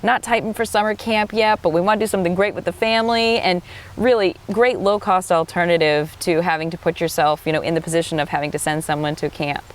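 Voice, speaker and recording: Quick, chatty woman interviewer. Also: on the low side, steady tone. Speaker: host interviewer. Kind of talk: conversational interview chat.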